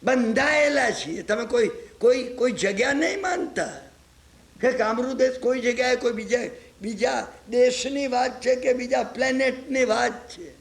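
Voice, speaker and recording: A man's voice: very high voice, measured pace. A man giving a storytelling religious lecture, constantly checking on his listeners with rhetorical asides. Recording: echoey lecture hall.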